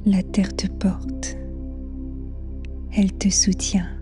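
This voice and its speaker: A woman leading a guided meditation in a soft, half-whispered, soothing voice with long pauses. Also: mid-range voice, level tone. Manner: slow, hushed, soothing delivery with long pauses. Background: new-age music.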